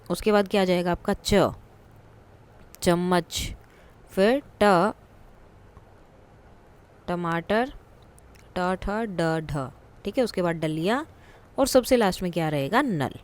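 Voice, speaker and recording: A woman teacher explaining a worksheet in a patient way, repeating words slowly for her students. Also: on the low side.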